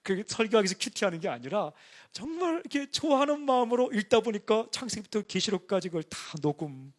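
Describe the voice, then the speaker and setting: A middle-aged pastor with a fairly high voice gives a sermon in an easygoing, anecdotal manner. He moves from calm, chatty storytelling to sudden excited outbursts. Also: quick pace. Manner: conversational storytelling, bursts into excited singing and shouting.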